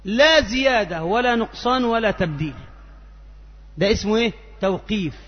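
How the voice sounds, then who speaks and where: A man's voice: sits high, lively intonation, normal speed. A male preacher with an Egyptian accent giving a sermon, moving between formal Arabic and colloquial asides. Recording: muffled, with long hall reverb.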